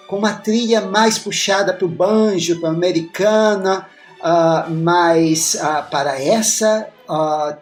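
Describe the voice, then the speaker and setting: A man co-hosting a podcast, talking about film music in a slow, hesitant way with many drawn-out fillers. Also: on the high side. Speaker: podcast co-host. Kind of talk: casual film music discussion.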